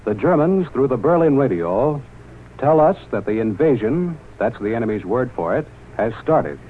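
A man's voice: mid-range voice, animated, husky. Man announcing news in old newsreel sound. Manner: measured, formal announcer delivery. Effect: old newsreel-style radio broadcast sound. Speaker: radio news reporter. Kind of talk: formal wartime radio news bulletin. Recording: tinny, narrow-band 1940s radio broadcast.

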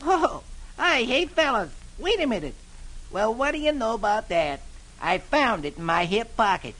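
A man's voice: extremely high pitch, big pitch swings, moderate pace, bright, forceful tone, voice pushed up, heavily acted, low-quality recording. A man voicing a sly, cheerful male rabbit trickster in a radio comic reading. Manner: chirpy and bouncy.

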